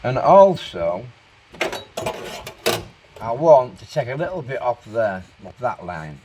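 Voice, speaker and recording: A man's voice: mid-range voice, very animated, takes it slowly, warm tone, lo-fi sound, slight background noise. A man giving an informal hands-on workshop tutorial, explaining each step and thinking aloud as he works. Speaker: car restoration demonstrator.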